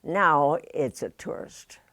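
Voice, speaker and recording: A very old woman, about a hundred, with a Midwestern American accent, reminisces haltingly in an interview, pausing often. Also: deep voice, a bit bright. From United States, rural Indiana. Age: very old, about 102. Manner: halting delivery with long pauses and many hesitations.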